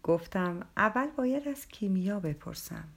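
A woman voicing a kind, fatherly older male spiritual master in a storybook reading, speaking gently and affectionately. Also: mid-range voice, animated, vocal fry, a little hiss or hum. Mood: gentle. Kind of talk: audiobook character voice.

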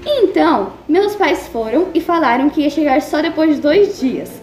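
A young female student reads her own story aloud in a lively, expressive way. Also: high-pitched, normal speed, echoey room.

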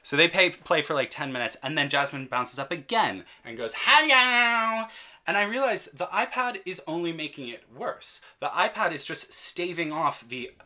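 A man with a bright, forward voice tells a story among friends on a podcast. His delivery is dry and sardonic, building to a mock-courtroom verdict. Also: on the high side, animated, moderate pace, few pauses. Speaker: podcast co-host telling a grievance story.

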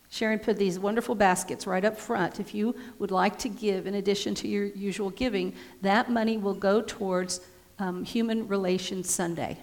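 A woman pastor leading a communion liturgy in a solemn, measured way, her voice ringing with a cathedral echo in a church sanctuary. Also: mid-range voice. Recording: long church reverb.

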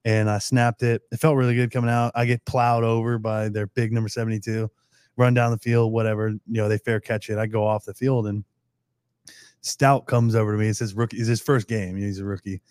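A man's voice: on the low side, level tone, a little fast, darkish tone, smooth, no echo, clean studio sound. A young adult man, a football player guest on a podcast, chatting casually and telling a loose, candid story with some swearing. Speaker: guest, NFL long snapper.

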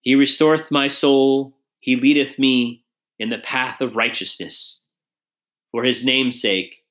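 A man's voice: mid-range voice, steady tone, takes it slowly, a bit bright, voice pushed up. A man voicing a short, shy frontier soldier who talks in an anxious, folksy way.

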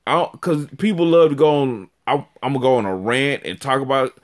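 A man co-hosting a podcast in casual chat, ranting in animated bursts. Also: medium pitch, brisk. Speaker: podcast co-host.

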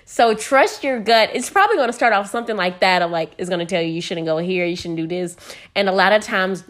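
A woman's voice: mid-range voice, fast talker. Chatty profane American woman podcaster. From United States. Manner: frank, profane, chatty and energetic. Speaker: podcast host. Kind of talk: casual solo podcast monologue.

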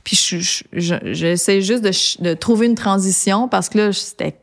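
A young adult woman with a Québécois French accent, a singer-songwriter talking in a casual interview, reflective and halting with frequent restarts. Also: mid-range voice, creaky. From Quebec.

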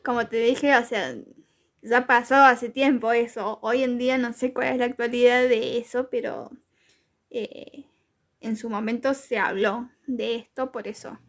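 Argentine woman, podcast co-host, high voice, giggly, rambling, teasing. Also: fairly even intonation, measured pace. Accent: Argentine Spanish. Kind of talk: casual chat.

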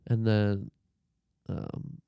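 A man's voice: lowish voice, little pitch movement, extremely slow, gravelly, clean tone, no echo, muffled recording. A man on a casual podcast, telling a long story with profanity, fillers and restarts. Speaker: podcast co-host.

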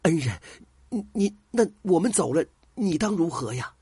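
An eager, anxious young servant who stammers when he is worried, as a storyteller puts him on. The voice is husky and lively in pitch. It is recorded close and dry. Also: moderate pace, no echo, exaggerated voice. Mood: earnest.

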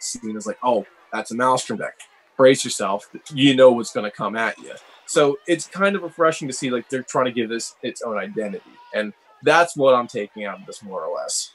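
A man's voice: mid-range voice, fairly bright tone, breathy edge, low-quality recording. A man co-hosting a casual chat about game cards, rambling and filling his talk with "like". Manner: rambling, heavy use of "like". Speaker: co-host reviewing cards.

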